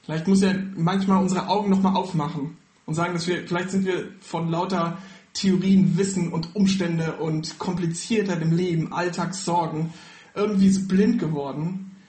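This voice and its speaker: A man's voice: high-pitched, steady tone, normal speed, darkish tone, reverberant. A man preaching a sermon on a Bible passage, earnest and personal, speaking directly to his listeners.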